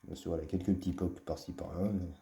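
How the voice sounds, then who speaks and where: In a casual show-and-tell vlog recorded in an echoey room, a collector presents his finds. His low, mellow voice has some vocal fry and fairly even intonation, and he talks quickly but hesitantly, with lots of fillers and a fond tone.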